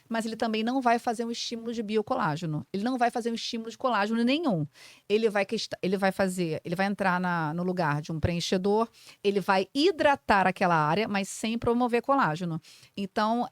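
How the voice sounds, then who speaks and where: A Brazilian physiotherapist in her forties who owns a clinic explains treatments in a casual podcast chat, with a fairly high voice and no echo. She teaches as she talks, using simple comparisons and plenty of filler words.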